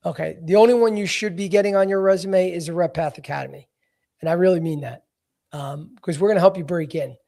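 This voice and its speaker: A man in his forties with a notably high voice, hosting a casual career-advice podcast. He talks bluntly and emphatically and keeps it real, with frequent "you know" fillers. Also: brisk, gravelly, mellow. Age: 40s. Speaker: podcast host, career coach.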